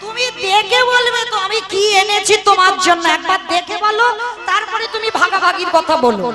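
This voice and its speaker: Young hero coaxing his mother, as a woman voices him, high voice, music behind. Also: a little fast. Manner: coaxing, insistent.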